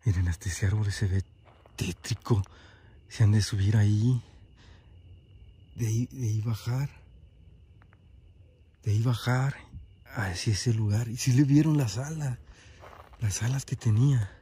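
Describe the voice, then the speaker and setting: A man's voice: lowish voice, steady tone, unhurried, long pauses, mellow, a little hiss or hum. A man filming outdoors as a paranormal investigator, nervously repeating short exclamations. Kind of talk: on-location paranormal vlog.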